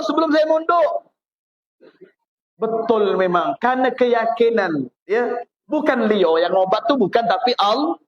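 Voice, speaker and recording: A man from West Kalimantan with a Malay accent, preaching a sermon in a chatty, teasing storytelling way. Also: high voice. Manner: chatty, teasing, jokes with the audience. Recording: dull lo-fi recording.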